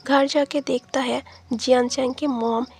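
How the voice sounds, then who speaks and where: A woman narrating a fan fiction story in a soft, half-whispered way, with a breathy, creaky voice. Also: high-pitched, fairly even intonation, unhurried. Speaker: storyteller channel host.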